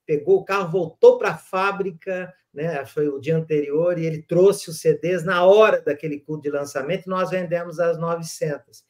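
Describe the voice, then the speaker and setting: High-voiced Brazilian man telling stories. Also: normal speed, hardly any pauses. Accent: Brazilian Portuguese. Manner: animated storyteller with frequent restarts. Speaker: podcast host. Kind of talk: casual storytelling conversation.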